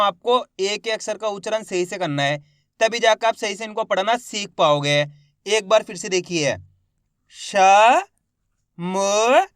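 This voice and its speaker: A man teaching Hindi reading, sounding out each syllable loudly and then blending it into the word, encouraging his viewers as friends. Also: high-pitched, smooth, dry recording, clean studio sound. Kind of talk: slow syllable-by-syllable reading lesson.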